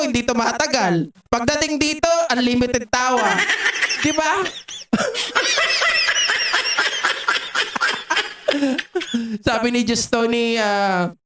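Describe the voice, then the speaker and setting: Livestream host, man, high voice, slow mocking delivery, laughs a lot, far from mic in an echoey room with loud noise. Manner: mocking, laughs often, reads viewer comments. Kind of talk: political commentary livestream. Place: at home.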